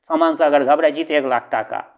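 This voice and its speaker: A man's voice: fairly high pitch, fairly quick, phone-quality sound, voice pushed down, close to an everyday voice. A man playing a stern, greedy old father. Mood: demanding. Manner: emphatic, stressing each word. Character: stern greedy elderly father bargaining dowry.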